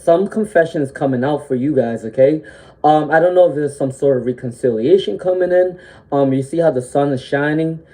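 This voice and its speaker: Sniffling through a cold, a tarot reader gives a live-stream reading in a medium-pitched voice, and the audio is poor. Her delivery is gentle and reassuring, full of "um" fillers, with a checking "okay?" tagged onto her sentences.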